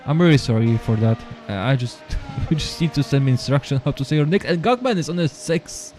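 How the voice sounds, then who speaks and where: With faint music behind him, a man calls a sim race live, his medium-pitched voice expressive and darkish. Polish is his first language, and his English comes out halting and apologetic. He keeps repeating words and starting sentences over.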